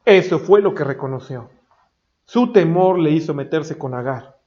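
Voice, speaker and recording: Male pastor, fervent sermon delivery, high voice, muffled audio. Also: animated, normal speed. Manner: emphatic, rising to loud high-pitched exhortation. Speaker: preacher. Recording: dull lo-fi recording.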